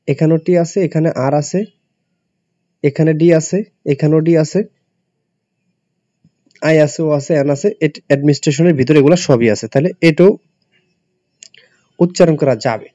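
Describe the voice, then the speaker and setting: Teaching English spelling to admission students, a man from Bangladesh speaks in a slightly high, dark-toned voice at a moderate pace, pausing often. He explains step by step, spells letters aloud and keeps quizzing the class, captured in a dull, dry lo-fi recording.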